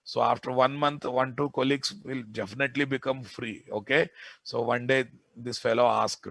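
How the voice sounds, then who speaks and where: A man's voice: medium pitch, fairly even intonation, moderate pace, gravelly, a bit bright, no room sound. A man with a Telugu Indian English accent teaching a live class as an instructor, informally, often repeating phrases and checking in with his listeners. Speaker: software programming instructor. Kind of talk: live classroom lecture with storytelling and dictation.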